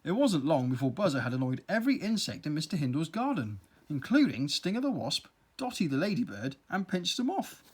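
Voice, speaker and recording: A storyteller reading a children's story aloud in a playful, expressive way. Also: mid-range voice, brisk, few pauses, breathy edge.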